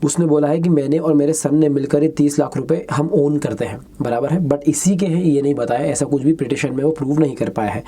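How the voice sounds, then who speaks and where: A man giving an exam-prep lecture, mixing Hindi and English, reading questions out slowly and adding chatty asides. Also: fairly high pitch, mellow.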